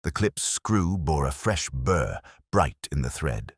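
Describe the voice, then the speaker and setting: Extremely low and a bit rough, a man's voice tells a mystery story as scripted, audiobook-style narration, measured and dryly wry, its pitch rising and falling lively. There's no echo; the audio is close and dry with little room around it.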